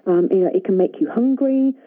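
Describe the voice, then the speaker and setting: A woman's voice: mid-range voice, slightly rough. A British woman, a nutritionist, speaking assuredly as a guest on a radio phone-in. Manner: brisk, assured, plain-spoken. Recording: tinny phone line.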